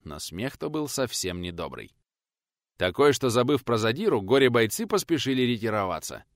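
A male narrator reads an audiobook with an expressive storytelling manner. His pitch moves in a lively, animated way. The recording is close and dry. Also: normal speed, no echo.

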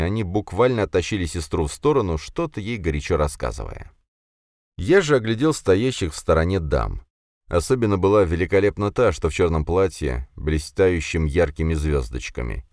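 A male audiobook narrator with a very deep voice and a lively, swinging delivery. He reads first-person fantasy and acts out the dialogue expressively. The recording is dry and close. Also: no room sound.

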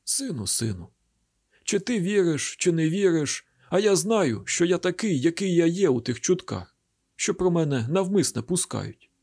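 A man's voice: on the high side, expressive, normal speed, darkish tone, husky. A man voicing a bitter old village father, a cattle healer, in an audiobook drama reading, talking with heated, grieving reproach.

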